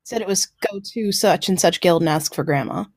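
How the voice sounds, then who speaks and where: A woman's voice: on the low side, a little fast, darkish tone, dry recording, studio quality. A woman chatting casually as a player in a tabletop role-playing game. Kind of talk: casual chat.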